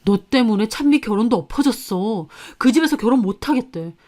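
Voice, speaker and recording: A woman's voice: fairly high pitch, expressive, fairly quick, dark tone, lightly acted. Woman doing a sulky, accusing young husband. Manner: accusing, whining. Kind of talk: storytelling radio drama.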